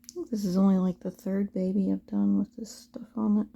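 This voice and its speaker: Female craft tutorial host, informal and hands-on, husky with a soft dark tone, talking through the work. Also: mid-range voice, little pitch movement, a little fast. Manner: informal, thinking aloud while working.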